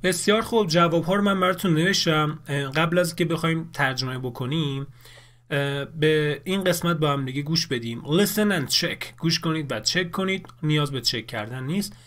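A man teaching English in a recorded lesson, explaining clearly in Persian and saying the English words slowly. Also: fairly high pitch, a bit bright.

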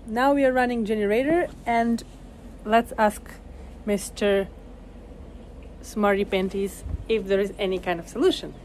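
Speaking a little slowly with long pauses, a young adult woman with a medium-pitched voice hosts a vlog from a small boat cabin, phone held out at arm's length. English isn't her first language, but she's lively and playful on camera. A little hiss or hum is audible.

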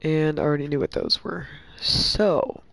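A woman's voice: low-pitched, measured pace, creaky, fairly bright tone, no echo. A woman commenting casually as she plays a story game, blunt and swearing, cracking jokes. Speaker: streamer playing a game. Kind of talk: casual let's play commentary.

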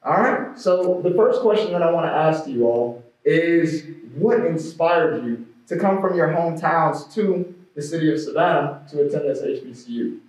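A young man moderates a panel politely and formally, with a slightly raised pitch. He sounds set back from the mic in a very echoey room. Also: lively intonation, normal speed, a little mellow, far from the mic. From Cleveland, Ohio. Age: young adult.

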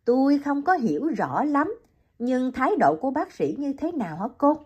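A gentle young clinic assistant, played by a woman narrator, asks soft, cautious questions in a raised, lively voice. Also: high voice, moderate pace, breathy edge, voice pushed up, full character voice. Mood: concerned.

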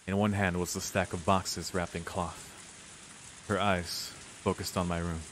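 A young let's player with a deep, low voice reads visual novel narration and tosses in casual reactions, while rain and hiss sit clearly in the background. His pitch barely moves, his pace is unhurried, and his tone is slightly bright.

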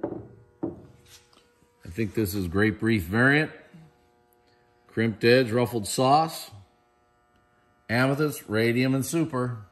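A middle-aged man with a medium-pitched voice takes his time and pauses often, with faint music in the background. Filmed on a handheld camera in a big warehouse room, he walks through auction lots in a casual, enthusiastic way. He's chatty and praises the pieces.

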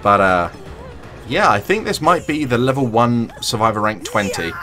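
A man's voice: medium pitch, sing-song, moderate pace, music in the background. Chatty man commentating a game. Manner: chatty, jokey, taunts opponents in a sing-song voice. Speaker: gaming channel host. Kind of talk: casual gameplay commentary.

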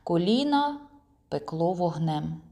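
Lively woman reading an audiobook. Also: lowish voice, takes it slowly. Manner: lively, expressive first-person storytelling. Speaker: audiobook reader. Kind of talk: storytelling narration.

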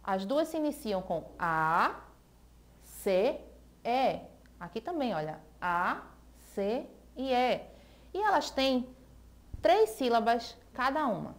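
A woman teacher with a Brazilian accent giving a televised lesson to adults, speaking deliberately and spelling words out letter by letter. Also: fairly high pitch, very animated.

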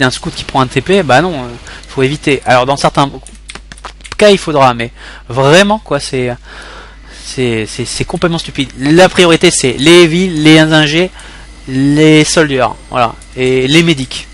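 A young Frenchman hosts a casual gameplay tutorial, rambling through it with plenty of fillers and restarts. His voice is a little high and a bit bright.

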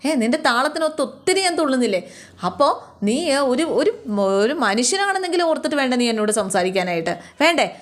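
A woman's voice: sits high, very animated, brisk, pitched above the performer's own voice. Woman voicing a scolding middle-aged husband, stern, raised voice, pleading tone. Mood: reproachful.

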